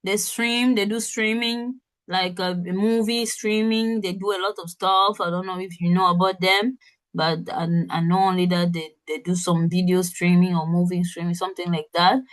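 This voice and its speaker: A woman's voice: lowish voice, flat delivery, normal speed. A woman instructor running an interactive workshop, spelling out web addresses and often checking in with her audience.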